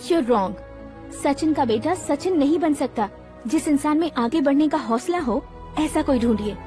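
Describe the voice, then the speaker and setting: A woman's voice: high voice, lively intonation, measured pace, mellow, soft background music. A woman playing a self-assured, strong-willed young daughter in a dubbed film drama. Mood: firm.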